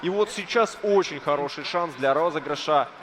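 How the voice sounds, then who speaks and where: A man's voice: a little high, moderate pace, fairly bright tone. A man giving live play-by-play commentary on an esports hockey match, often hesitating between phrases. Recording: crowd noise behind. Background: crowd noise.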